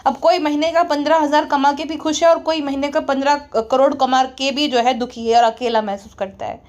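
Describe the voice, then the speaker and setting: A woman's voice: sits high, fairly even intonation, a little fast, darkish tone, muffled recording. A woman doing a casual commentary vlog, blunt and scornful, lecturing her viewers. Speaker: YouTube commentator.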